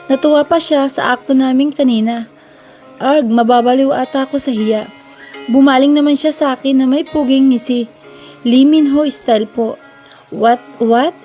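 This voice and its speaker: A woman's voice: high voice, warm tone. A woman narrating a first-person romance story in a conversational, mixed-language reading style.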